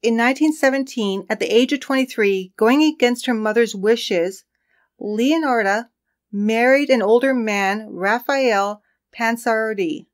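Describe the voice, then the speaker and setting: A woman's voice: a little high, unhurried. A woman co-hosting a casual true crime podcast, chatting and laughing as she tells the case story.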